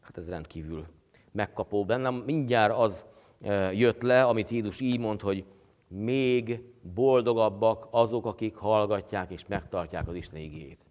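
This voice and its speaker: A male pastor delivers a sermon in a somewhat low voice. He talks slowly and haltingly, pausing often and filling gaps with hesitations. His voice carries a long reverb from the church around him. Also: darkish tone, muffled recording. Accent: Hungarian. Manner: slow, halting delivery with many pauses and fillers.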